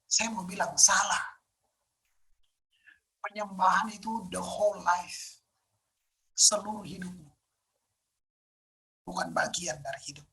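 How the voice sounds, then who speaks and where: Bright-voiced woman preaching with hushed asides. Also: on the low side, slow pace, gravelly, long pauses, poor audio. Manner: emphatic, often dropping to a hushed whisper; casual conversational preaching with fillers. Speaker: pastor. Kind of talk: sermon.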